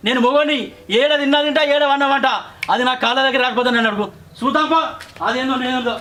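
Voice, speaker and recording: A man's voice: very high-pitched, fairly even intonation, fast, pushed and bright, slight background noise. A man with a Telangana accent playing an arrogant, drunken husband who taunts and boasts. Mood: scornful. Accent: Telangana Telugu. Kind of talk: short film drama acting.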